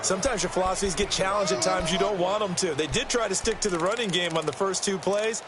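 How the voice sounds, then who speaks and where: A man's voice: sits high, fast talker, natural voice. A man playing a folksy color analyst in football video game commentary, explaining plays with emphasis. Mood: explanatory. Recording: clear stadium noise behind the voice.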